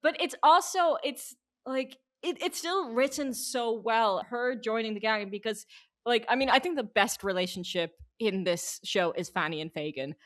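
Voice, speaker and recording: A woman co-hosting a podcast, talking in a fairly high voice. She chats loosely and keeps restarting sentences, with lots of filler words. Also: moderate pace, a bit bright. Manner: chatty, full of "like" fillers and restarts. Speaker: podcast co-host. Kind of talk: casual chat.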